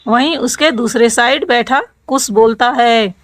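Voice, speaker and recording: A woman's voice: a little high, a little slow, fairly bright tone. A woman narrating a comic story in a casual, colloquial way.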